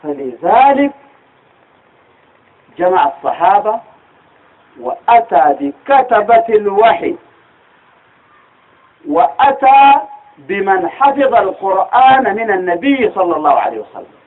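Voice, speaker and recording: A Sudanese Arabic-accented man gives a religious lecture in a husky, fairly high voice. He explains patiently, often pausing to ask his listeners a rhetorical question. The sound is thin and tinny, as if over a phone line. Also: animated. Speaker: teacher of Quranic studies.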